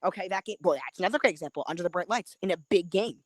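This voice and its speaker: A man's voice: high voice, very fast, no echo. A man co-hosting a sports podcast in casual debate, persistent and pushing his point.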